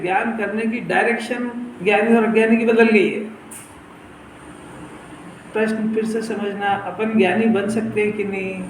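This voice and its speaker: A man with a high voice gives a scripture sermon, explaining point by point and often asking his listeners whether they have understood. The room is echoey, with faint noise behind him. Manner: explanatory, questioning listeners, lively. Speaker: Jain scripture teacher. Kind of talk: sermon discourse.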